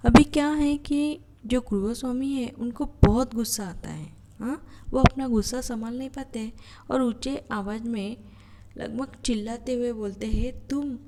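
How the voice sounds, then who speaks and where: A woman's voice: fairly high pitch, unhurried, dark tone. A woman teacher explaining a school reading lesson word by word, often checking in with a questioning hum, recorded on a phone. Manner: explains words, keeps asking "hmm?".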